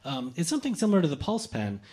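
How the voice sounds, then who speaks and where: A man's voice: on the high side, huge pitch swings, quick pace, dark tone. A man co-hosting a casual tech news chat, explaining gadgets with lots of fillers and restarts.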